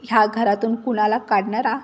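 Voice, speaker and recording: A stern older father-in-law from a storybook, firm and commanding with a protective heart, read by a woman. He speaks with steady authority, his voice set a little high. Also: normal speed, natural voice.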